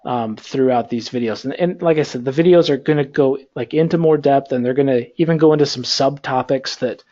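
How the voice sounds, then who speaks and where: A man's voice: medium pitch, brisk, few pauses, lo-fi sound. A male instructor lecturing an online class over a computer call, rambling with lots of fillers. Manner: rambling, filler-heavy, relaxed. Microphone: computer mic on a video call.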